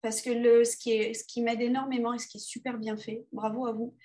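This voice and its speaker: A woman, an underwater photographer being interviewed, talking casually with many pauses and restarts. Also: fairly high pitch, little pitch movement, warm tone. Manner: hesitant, many fillers and restarts.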